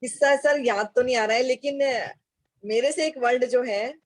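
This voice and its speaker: A woman's voice: high voice, normal speed. An office worker, a woman, explaining things carefully in a casual group discussion.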